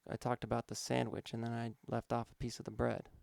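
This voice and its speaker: A man's voice: mid-range voice, completely flat delivery, a little fast, creaky, a little mellow, dry recording. A man, a music producer, casually walking through his vocal mixing steps, thinking aloud with some fillers. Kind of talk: casual instructional walkthrough.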